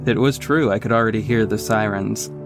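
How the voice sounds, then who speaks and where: The actor here, playing a young male vigilante who is cocky but caring, narrates earnestly in the first person and performs dialogue for a scripted audio drama with music underneath. His voice sits on the low side, moves a little fast and is lightly acted.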